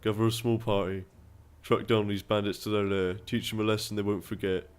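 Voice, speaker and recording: A man's voice: lowish voice, little pitch movement, fairly quick, smooth, close to an everyday voice. A man reading a game's dialogue aloud, voicing a scheming middle-aged male town merchant in a persuasive, businesslike way with put-on accents.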